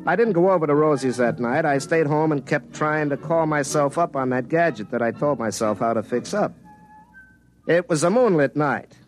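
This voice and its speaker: In a classic radio drama, an actor with a lowish, natural voice plays an excitable small-town phone repairman narrating his own story. The folksy, wry telling gives way to flustered, stammering pleading. It's a vintage radio recording with faint music.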